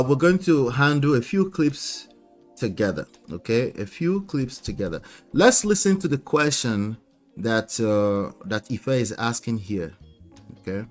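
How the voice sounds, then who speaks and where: Animated man hosting a live stream. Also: medium pitch. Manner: animated, laughing often, rhetorical questions. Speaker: host. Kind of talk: live-stream reaction commentary.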